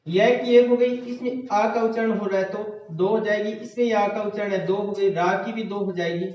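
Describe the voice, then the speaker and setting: Male teacher, fairly high voice, slow patient dictation, heavy classroom echo. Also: fairly even intonation. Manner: slow, step-by-step dictation to students. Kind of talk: online class lecture. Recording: distant, echoey, dull lo-fi classroom recording.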